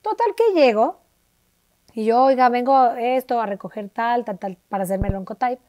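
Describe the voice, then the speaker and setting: A Mexican woman, an interview guest, telling a personal story in a lively way and acting out the voices of the people she quotes. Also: on the high side, moderate pace, no room sound, dull audio. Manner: animated, acts out quoted dialogue with shifting voices. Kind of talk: conversational storytelling.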